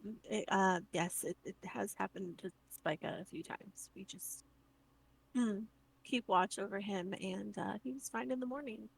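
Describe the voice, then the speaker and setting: A woman's voice: mid-range voice, moderate pace, vocal fry, a little hiss or hum, low-quality recording. A woman playing a tabletop game, speaking in character in a hesitant but reassuring way. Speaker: player. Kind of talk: tabletop role-play.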